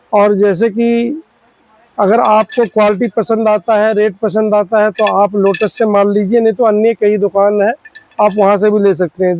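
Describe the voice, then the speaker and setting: A man's voice: high voice, a little mellow, rough recording. A man, a spare parts shop owner, explaining products to fellow shopkeepers in an earnest, pleading, repetitive way.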